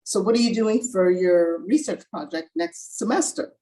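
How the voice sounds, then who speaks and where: A middle-aged woman doctor answering interview questions in a relaxed way, pausing often with "uh". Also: medium pitch, low-quality recording. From born in Guyana, grew up in Brooklyn. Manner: relaxed, frequent uh pauses. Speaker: physician guest.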